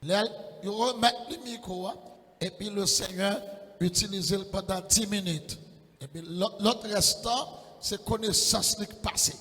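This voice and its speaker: Male preacher, high voice, passionate sung-out sermon, echoey church hall. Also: unhurried. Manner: impassioned, rising into shouted sing-song calls.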